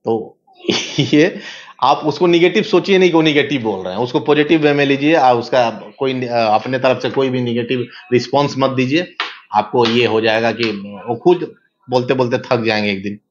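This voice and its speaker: A man, giving an interview in an animated, emphatic, lecturing way. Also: mid-range voice, a little fast. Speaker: interview guest. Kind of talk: casual interview talk. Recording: dull lo-fi sound.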